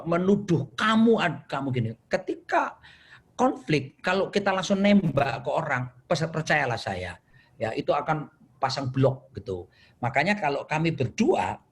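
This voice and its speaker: A husky man with a fairly high voice talks through marriage advice as a pastor. He answers questions in a lively way and acts out heated arguments. His tone stays conversational between the quotes. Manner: lively storytelling, acts out quarrels with raised voice. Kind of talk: answering questions in an online session.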